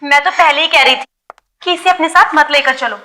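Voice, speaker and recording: A woman's voice: sits high, a little fast, sharp tone. A mocking party girl. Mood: scornful. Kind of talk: TV crime drama acting.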